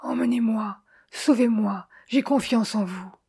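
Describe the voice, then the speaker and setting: A woman's voice: on the low side, steady tone, slow pace, a little mellow, breathy edge. A woman voicing a faint, entranced young medium. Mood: desperate whisper. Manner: faint, distant and sleepy.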